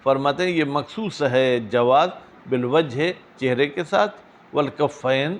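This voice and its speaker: A man teaching a seminary class, reading Arabic phrases slowly, then explaining them in quick, questioning asides to his students. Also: mid-range voice, a little hiss or hum. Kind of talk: classroom lecture on a legal text.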